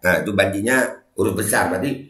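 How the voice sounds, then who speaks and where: A man's voice: lowish voice, fast talker, a bit bright, roomy sound. A man hosting casual commentary among friends, teasing and sarcastic, laughing often. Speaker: host of a commentary channel. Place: room shared with a small group of friends.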